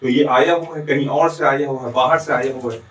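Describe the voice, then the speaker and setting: A man's voice: mid-range voice, fairly even intonation, fairly quick, roomy sound, rough recording. A man from Chhattisgarh teaching a lesson with a Chhattisgarhi Hindi accent. He explains step by step, asks questions and answers them himself, and keeps checking that his students follow. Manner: adds frequent checking tags. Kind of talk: recorded classroom lesson.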